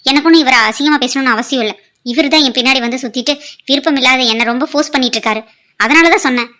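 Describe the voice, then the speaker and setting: A woman plays a proud young heroine in a cartoon drama, her voice high and clear. She talks sharply and reproachfully, and she turns pleading in her quieter moments. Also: very fast. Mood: scornful. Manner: sharp, scolding then pleading.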